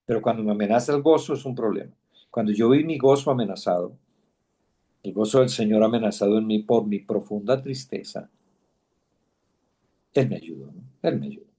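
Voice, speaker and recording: A man giving an earnest, halting personal testimony in a Bible class, repeating phrases. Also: on the low side, lively intonation, warm tone.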